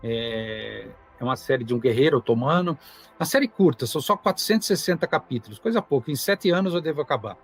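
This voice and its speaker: A Brazilian man, a psychanalyst, telling stories in a relaxed interview over a video call and acting out quoted dialogue. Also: mid-range voice, fast talker, slightly rough, soft background music. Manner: animated, acts out quoted dialogue. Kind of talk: conversational interview storytelling.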